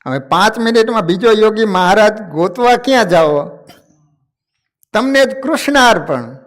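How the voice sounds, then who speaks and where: A man's voice: high-pitched, lively intonation, a little slow. A man narrating a devotional story, animating the characters as he tells it. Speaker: religious storyteller.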